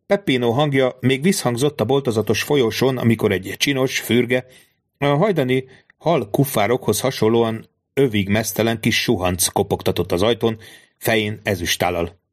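Lower-voiced male audiobook narrator. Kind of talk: scripted literary narration.

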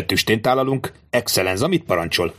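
A man voicing a smooth, mock-deferential bandit jailer in an audiobook. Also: lowish voice, big pitch swings, fairly bright tone. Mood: mock-polite. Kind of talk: audiobook character voice.

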